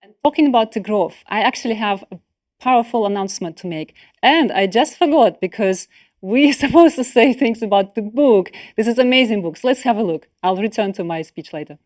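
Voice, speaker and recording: A woman's voice: fairly high pitch, expressive, a little mellow, dry recording, clean studio sound. Enthusiastic woman hosting an online event. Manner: enthusiastic, halting with slips and laughs. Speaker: event host.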